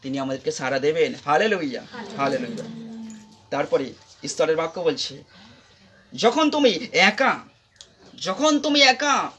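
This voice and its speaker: A man's voice: fairly high pitch, animated, a little slow, pauses often, bright, forceful tone, slight background noise. A man with a Bengali accent, preaching a sermon as pastor, repeating phrases for emphasis. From India. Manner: repetitive, emphatic preaching with rising calls.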